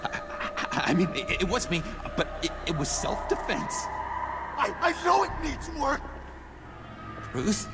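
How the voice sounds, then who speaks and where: Loud music sits under an unhinged, nervous video game character. His highish voice lurches wildly up and down with a creaky edge. He stammers out guilty excuses, pleading like someone caught in the act. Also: wildly swooping pitch, a little slow, full character voice. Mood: panicked pleading.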